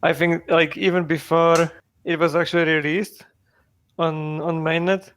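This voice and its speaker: A man's voice: fairly high pitch, little pitch movement, unhurried, fairly bright tone, a little hiss or hum. A man, a project founder from Czechia, answering interview questions in a rambling way with many fillers and restarts.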